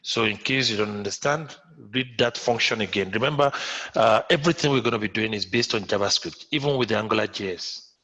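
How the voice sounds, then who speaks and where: A man's voice: fairly low pitch, a little fast, a bit bright. A man with a Nigerian accent teaching a live online coding class, repeating himself and often checking whether students follow. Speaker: instructor. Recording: muffled lo-fi audio.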